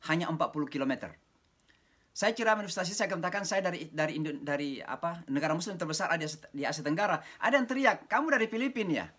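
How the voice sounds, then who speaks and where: A man delivering a religious lecture over a video call. He tells stories with lively, animated voices for the people in them and slips English phrases into his talk. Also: fairly high pitch, fast, husky. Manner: animated storytelling, mimics voices of listeners, mixes English phrases. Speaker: preacher giving a talk.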